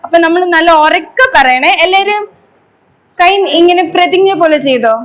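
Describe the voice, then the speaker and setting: A woman leading young schoolchildren through an environment day class, coaxing them with repeated questions. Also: extremely high pitch. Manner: leads a slow, loud group pledge. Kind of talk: classroom talk to young children. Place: school gathering with children. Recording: noisy school room recording.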